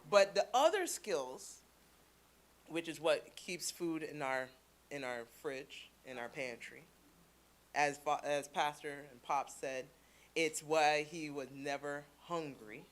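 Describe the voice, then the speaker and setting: A woman from Canada speaking to a church congregation, telling stories with playful asides in a lively sermon. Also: low voice, slow pace. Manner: chatty storytelling with playful asides.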